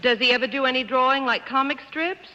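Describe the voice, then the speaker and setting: A woman's voice: high voice, fast talker, pushed and bright, a little hiss or hum. A woman on a panel game show in a 1950s TV broadcast, asking questions hesitantly with many fillers and a playful tone. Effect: 1950s TV broadcast sound. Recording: dull echoey 1950s TV broadcast.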